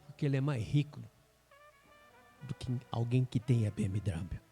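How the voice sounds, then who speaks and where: A male pastor with a Brazilian Portuguese accent preaches in an emphatic, storytelling style. He often slows down and pauses for effect. His voice sits at an average pitch, with faint music behind it. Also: expressive, warm tone. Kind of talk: sermon storytelling.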